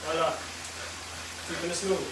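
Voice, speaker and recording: A man coaching an indoor cycling workout in a steady, measured cadence, giving short encouraging cues and countdowns. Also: a little high. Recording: echoey room, distant mic, loud background noise.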